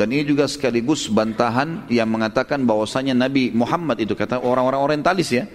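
Quick male preacher telling a story, lively, lots of little tag questions, long hall echo. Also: medium pitch. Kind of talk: storytelling sermon.

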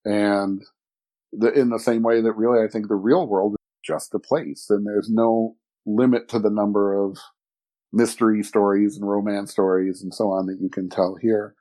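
Low, mellow-voiced man musing. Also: flat delivery, normal speed. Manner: reflective, rambling with frequent restarts. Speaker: guest, fantasy author and editor. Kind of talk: podcast conversation.

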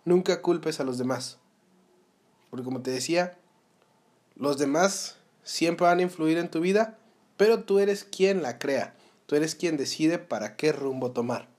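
A man's voice: a little high, unhurried, a little mellow. A young man with a Mexican Spanish accent hosting a solo podcast, giving earnest advice and asking the listener rhetorical questions. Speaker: podcast host. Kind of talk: motivational solo podcast talk.

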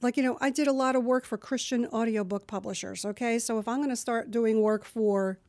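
A woman's voice: on the high side, fairly even intonation, a little fast, a little mellow, dry recording. Woman voiceover artist guest, from New Jersey, chatty and rambling, dry. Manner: chatty, rambling, many asides. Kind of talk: casual interview chat.

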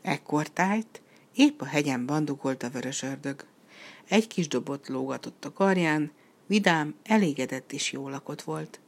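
A woman with a low voice reads a storybook aloud. Her narration is expressive and lively. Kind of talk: storybook reading.

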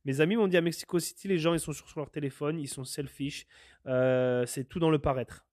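A man's voice: on the high side, steady tone, brisk, darkish tone, no echo, studio quality. A French man hosting a podcast, talking in a passionate, rambling way, repeating himself and swearing now and then. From France. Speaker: podcast host. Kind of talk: casual monologue. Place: living in Canada.

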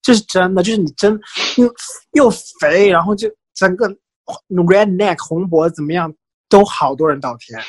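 A man's voice: high voice, moderate pace, husky, no room sound. A man co-hosting a podcast, telling gossipy stories in casual chat, mixing in English phrases. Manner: animated, gossipy storytelling mixing Chinese and English. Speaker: podcast co-host.

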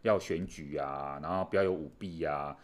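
A man's voice: extremely low pitch, moderate pace. A man co-hosting a casual chat on world affairs, explaining things animatedly with many fillers. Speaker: co-host.

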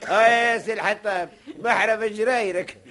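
A very high-pitched Tunisian man, a fussy and scolding Hajj from an old radio show. He banters and argues theatrically, with a taunting edge. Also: fairly even intonation, a little fast, crowd noise.

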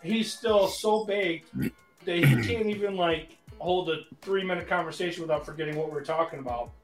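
A man's voice: high voice, normal speed, roomy sound, faint music behind. A man co-hosting a casual podcast, telling a rambling travel story full of fillers. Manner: rambling, animated, many fillers. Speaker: podcast co-host.

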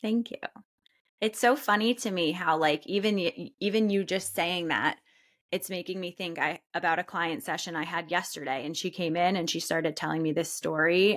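A woman's voice: lowish voice, a bit bright. A woman therapist co-hosting a podcast, talking things through in a reflective, casual way with lots of "like". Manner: reflective, many "like" fillers.

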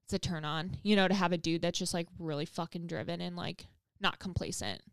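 A young woman chats with a close friend, filling her talk with "like" and the odd swear word. Her voice is clear and smooth. The sound is dry and close, with no room around it. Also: lowish voice, steady tone, brisk, dry recording. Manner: chatty, says "like" often, swears freely. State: expecting a baby. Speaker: podcast co-host. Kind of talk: casual chat between friends.

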